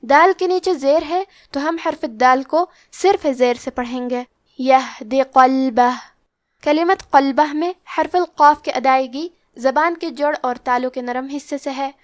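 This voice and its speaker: A woman teaching Quran recitation rules in a calm, methodical way, reciting verses slowly between her explanations. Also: high voice.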